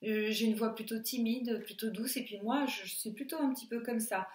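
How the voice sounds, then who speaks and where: A woman gives a singing lesson in an echoey room, speaking slowly and calmly as she coaches breathing and relaxation and demonstrates sung sounds. Her pitch is fairly high.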